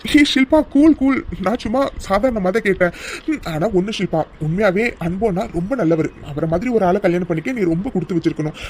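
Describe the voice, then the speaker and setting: A performer voicing a playful, protective young doctor in an animated cartoon story, teasing and reassuring his girlfriend. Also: mid-range voice, fast talker, a little hiss or hum, close to an everyday voice. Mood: friendly.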